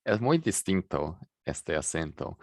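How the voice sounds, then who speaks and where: A man's voice: deep voice, big pitch swings, slow, no echo, studio quality. A man from New Zealand with English as his first language, hosting a casual interview and asking curious questions. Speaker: host.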